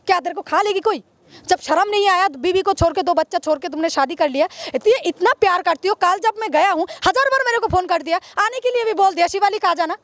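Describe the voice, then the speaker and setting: High-voiced exasperated woman, interviewed outdoors. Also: no room sound. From Bangladesh. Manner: exasperated, pleading, rapid complaints. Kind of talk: emotional street interview.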